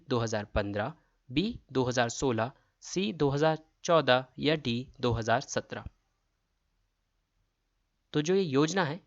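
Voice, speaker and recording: A man's voice: medium pitch, lo-fi sound. A man running an exam-prep quiz lesson, reading each question and its options aloud before explaining the answer. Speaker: quiz tutor.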